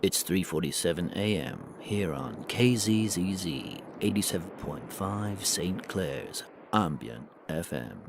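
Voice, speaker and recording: In a full character voice, a man plays a languid, trippy late-night DJ on an ambient FM station, a mellow, dreamy surfer philosopher. His low voice is animated yet slow and soothing, with few pauses. Background ambience is clearly noisy.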